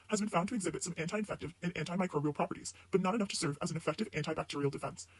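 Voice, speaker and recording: A man's voice: high-pitched, breathy edge, no echo, rough recording. A man playing a matter-of-fact disclaimer announcer in a parody pharmaceutical ad, rattling off warnings from a script. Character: brisk male drug-commercial disclaimer announcer listing dangers.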